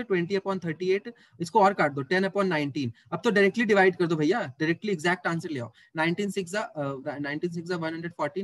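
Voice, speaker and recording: A man with a high, light voice teaches math in a live online class. He talks casually and teases students as he works through the numbers aloud, recorded close in a dry setting. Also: no room sound. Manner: chatty, teasing students while working sums aloud.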